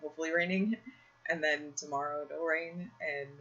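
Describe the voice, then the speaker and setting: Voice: medium pitch, steady tone, normal speed, pushed and bright, dull audio. Chatty host with a strained voice. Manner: rambling, self-correcting. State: slightly strained, irritated throat. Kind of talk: casual chat. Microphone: own computer mic, live video call.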